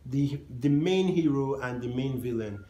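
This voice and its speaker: A man's voice: mid-range voice, lively intonation, measured pace, warm tone. Chatty male interviewer in an echoey room. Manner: chatty, teasing, informal. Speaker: interviewer, co-host. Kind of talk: casual interview chat. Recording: roomy with faint background noise.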